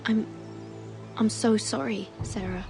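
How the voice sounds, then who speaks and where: A woman's voice: medium pitch, steady tone, slow, creaky, music in the background. A young woman acting a loyal, resolute noblewoman in a medieval fantasy video game, polite, sincere and direct. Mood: sympathetic. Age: young adult. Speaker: actor voicing a video game character. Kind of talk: dramatic video game dialogue.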